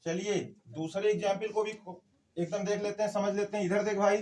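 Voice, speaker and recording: Male chemistry teacher, high voice, coaxing Q&A classroom style, slightly off-mic with faint room noise. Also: steady tone, normal speed, a little mellow, distant mic. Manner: questions the class and answers himself, coaxing. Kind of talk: classroom lecture.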